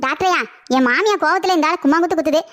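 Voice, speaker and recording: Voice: extremely high pitch, rapid-fire, noisy background. A man voicing a cheeky young husband in a comic cartoon, with a playful, pleading way of talking. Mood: sly.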